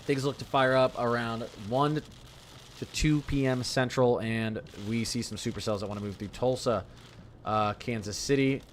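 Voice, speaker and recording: A man hosting a live severe weather stream, commenting in a halting way and often repeating or correcting himself. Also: mid-range voice, fairly even intonation, slight background noise.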